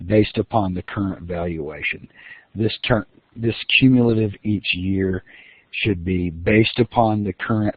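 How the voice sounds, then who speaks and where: This instructor's voice sits low as he delivers a recorded lecture, working through each step and often restarting or using filler words. The recording has no echo and a dry, phone-quality lo-fi sound.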